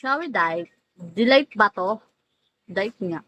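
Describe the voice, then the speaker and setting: A woman's voice: mid-range voice, animated, slow pace, a bit bright, slight background noise, low-quality recording. A woman hosting a casual livestream, teasing viewers by name, laughing often and drawing out names. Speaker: livestream host. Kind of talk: casual live-stream chat greeting viewers.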